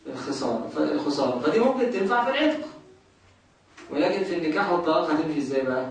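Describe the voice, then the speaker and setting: Rapid-fire and lively in intonation, a slightly high-voiced man with an Egyptian accent teaches a jurisprudence class, raising questions for the class and supplying the answers himself. The recording places him far away in a heavily echoing room.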